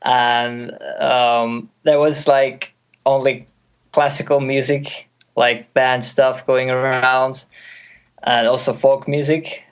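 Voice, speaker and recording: A man's voice: mid-range voice, level tone, takes it slowly, smooth. A man in his twenties from Finland, a native Finnish speaker, talking in a casual interview on a call, hesitant with many fillers, restarts and light laughs. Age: 20s. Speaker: guest music producer. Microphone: call audio.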